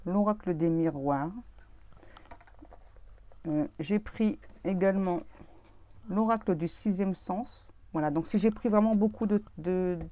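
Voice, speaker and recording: A woman doing a tarot reading to camera, talking casually and gently, with many fillers and restarts. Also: fairly low pitch, no room sound. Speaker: tarot reader.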